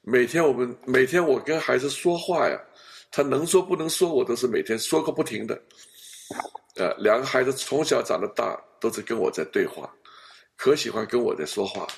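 Pastor guy chatting, gravelly voice, pitch jumps all over, acts out his stories. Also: moderate pace. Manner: animated storyteller, acts out family scenes. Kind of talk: pastoral counseling chat.

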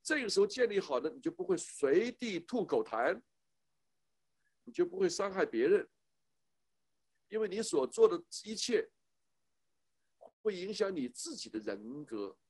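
A man's voice: high voice, very animated, a little slow, long pauses, a little mellow, husky. A middle-aged man giving a sermon on parenting as a church speaker, emphatic and fond of rhetorical questions to his listeners.

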